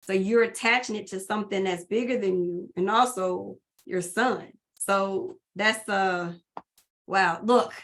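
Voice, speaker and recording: A woman's voice: medium pitch, unhurried, a bit bright. A woman hosting a group call, emotional and trying not to cry as she reads out comments. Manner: emotional, fighting back tears, reading comments. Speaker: host. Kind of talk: casual chat on a group call.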